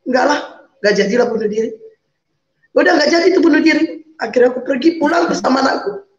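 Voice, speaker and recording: Lady telling her story on a video call, emotional, keeps repeating herself, high voice, sounds dull and roomy. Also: expressive, quick pace. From Medan, North Sumatra. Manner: emotional, pleading, repeats phrases. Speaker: guest. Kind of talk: emotional personal testimony.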